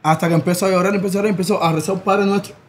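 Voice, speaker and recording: A young Cuban man with a Cuban accent, telling stories in a casual chat. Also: high voice. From Cuba. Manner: animated, rapid storytelling. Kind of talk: casual storytelling.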